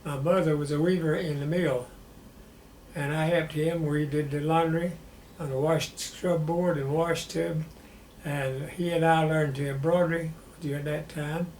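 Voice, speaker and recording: Male, 90s, Southern US. Old veteran reminiscing, plain and halting, higher-pitched, in an echoey room. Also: steady tone, a little mellow. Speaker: war veteran being interviewed. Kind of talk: personal reminiscence in an interview. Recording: roomy echo with faint background noise.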